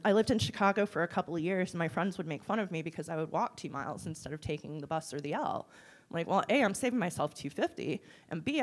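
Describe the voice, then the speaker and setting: A middle-aged woman answers audience questions after a keynote. She talks in a blunt, wry, animated way. She speaks into a handheld microphone on stage in a large hall. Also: on the low side. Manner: blunt, wry, animated, gestures while talking. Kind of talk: keynote Q&A, candid and conversational.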